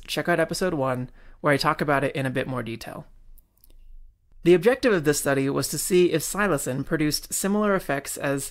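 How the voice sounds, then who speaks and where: A man hosting a podcast, reading a scripted, measured explanation of research. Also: a little high. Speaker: podcast host. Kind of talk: scripted science podcast narration.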